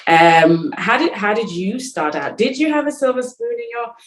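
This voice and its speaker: A woman's voice: a little high, lively intonation, moderate pace. Enthusiastic woman host, roomy echo. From Africa. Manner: enthusiastic, gushing. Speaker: podcast host. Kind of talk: interview.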